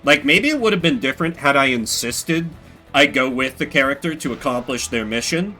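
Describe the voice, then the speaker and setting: Faint music plays behind this game streamer, whose medium-pitched voice moves fairly quickly. He chats loosely with viewers in a rambling, storytelling style, animatedly acting out quoted lines as he recounts events.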